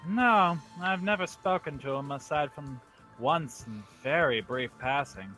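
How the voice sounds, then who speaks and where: A man playing a tabletop game, speaking slowly and expressively with dry humor, often in character. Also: fairly high pitch, sharp tone, soft background music. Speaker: player. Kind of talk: in-character tabletop role-play.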